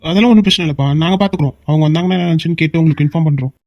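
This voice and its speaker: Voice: medium pitch, racing, dry recording, dull audio, natural voice. A performer voicing a confident cartoon big brother. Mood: reassuring. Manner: confident, reassuring, scolding. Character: young man, reassuring bossy elder brother. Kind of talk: cartoon voice acting.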